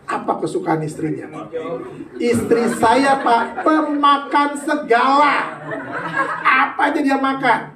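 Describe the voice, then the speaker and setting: A man's voice: very high-pitched, slow, a crowd in the background. A man preaching a sermon as pastor, joking and bantering with the congregation and slipping into casual slang. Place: church sanctuary. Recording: echoey church hall, heard from a distance.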